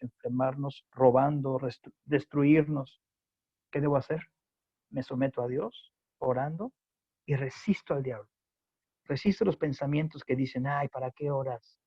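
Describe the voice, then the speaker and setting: A man with a Mexican accent preaching a sermon to a home group, impassioned and rising to near-shouts on scripture. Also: fairly high pitch, moderate pace, husky, dry recording. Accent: Mexican Spanish. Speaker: pastor. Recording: dull, dry lo-fi sound.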